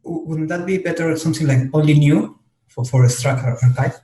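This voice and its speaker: A man's voice: fairly high pitch, brisk, warm tone. A man in a technical work meeting, talking hesitantly and stumbling over his words, sounding as if he is in a cave. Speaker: meeting participant. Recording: cave-like echo, far from the mic.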